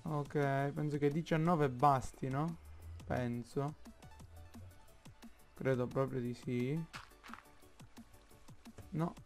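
A man with an Italian accent commenting on his own Minecraft play, slow and halting, thinking aloud with many fillers. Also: medium pitch, steady tone, a little mellow, faint music behind. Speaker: gaming YouTuber.

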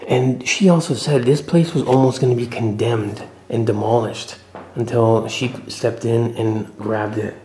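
A man giving a casual, excited walk-through vlog of an old mansion, chatty and often dropping to a murmur. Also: mid-range voice, a little slow. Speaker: vlogger touring a historic mansion. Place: indoors, large old house.

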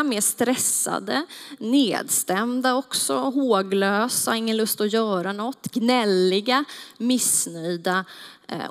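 Woman lecturing on a big stage. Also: a little high. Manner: clear, measured listing with pauses. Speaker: child psychologist lecturer. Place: large theater stage. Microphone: headset mic. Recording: long hall reverb.

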